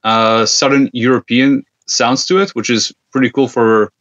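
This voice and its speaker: A Serbian man who founded a gear company guests on a podcast, speaking at normal speed in a mid-range, fairly even, slightly bright voice. The chat is easygoing and hesitant, full of fillers, and the sound is dull and lo-fi.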